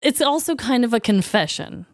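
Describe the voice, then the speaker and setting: Female podcast co-host, higher-pitched and very expressive, a touch wheezy, theatrically emphatic in casual storytelling. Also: normal speed, dry recording, studio quality. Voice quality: slightly wheezy. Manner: playfully dramatic, emphatic.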